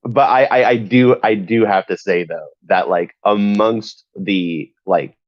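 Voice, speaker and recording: A man's voice: lowish voice, a little slow, no room sound, muffled recording. A man on a video call, hesitant with restarts and fillers, his audio breaking up and cutting out. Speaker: caller in a group discussion. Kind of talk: casual debate.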